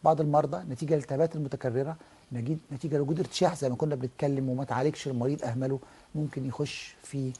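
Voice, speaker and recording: A man's voice: medium pitch, steady tone, very fast, mellow, husky. A middle-aged man with an Egyptian Arabic accent, an ear, nose and throat professor who explains as a guest on a television health talk and acts out examples. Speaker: ENT professor and guest doctor.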